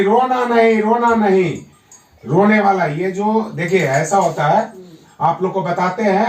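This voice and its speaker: A man working as a yoga therapist, firmly coaxing a patient at home and repeating his encouragement. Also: high-pitched. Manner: firm, coaxing, repeats himself. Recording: echoey room, mic at a distance.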